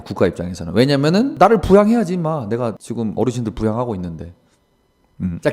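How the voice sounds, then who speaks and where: A male comedian telling a crude, animated comedic monologue. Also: mid-range voice. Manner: animated, crude, rapid storytelling.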